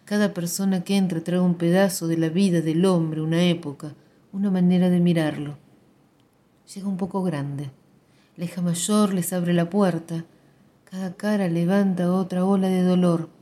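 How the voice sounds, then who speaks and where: A woman narrator, reading a literary text in a quiet, measured way. Her voice is low-pitched and dark, with a mellow warmth. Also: fairly even intonation.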